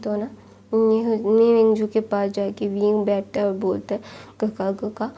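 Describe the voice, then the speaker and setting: A woman's voice: medium pitch, monotone, normal speed, highs cut off. A woman casually retelling a fan fiction story in a chatty way, full of small fillers. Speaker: story narrator.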